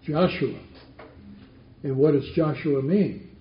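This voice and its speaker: A man's voice: on the high side, slow, a little hiss or hum. Man teaching a Bible class, roomy. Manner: asks the class questions and repeats their answers. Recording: roomy, dull lo-fi recording.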